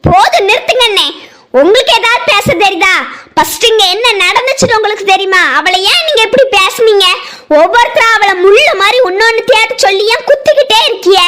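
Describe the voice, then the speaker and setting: A performer voicing a sharp-tongued younger sister in a cartoon family drama, firing accusing questions at her elder brother. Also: extremely high pitch, fairly quick.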